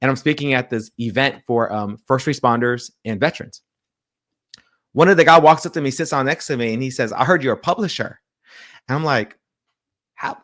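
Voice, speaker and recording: A man's voice: medium pitch, fairly quick, pauses often. A man who is a pastor and publisher, telling a story in a casual interview, acting out quoted dialogue and often restarting his sentences. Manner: animated retelling with quoted dialogue and frequent restarts.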